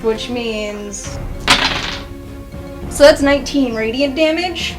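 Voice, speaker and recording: A woman playing a tabletop game, with a fairly high voice. She talks with blunt, excited energy and swears casually. Clear music plays behind her. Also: slow. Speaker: player.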